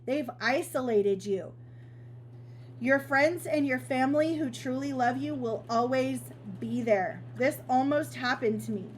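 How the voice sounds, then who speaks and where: A woman's voice: sits high, measured pace, a little hiss or hum. A woman co-hosting a casual chat show, giving emphatic advice and repeating her key points. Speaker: podcast co-host.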